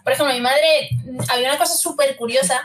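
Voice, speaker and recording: A young woman from Spain talks casually as a guest on a streamer chat, her voice sitting high and bright. Her Spanish accent mixes several regions, and she laughs often and strings her thoughts with fillers. A faint noise hums behind her. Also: steady tone, fast. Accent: Spanish, mixed Madrid, Zaragoza and Andalusian traces.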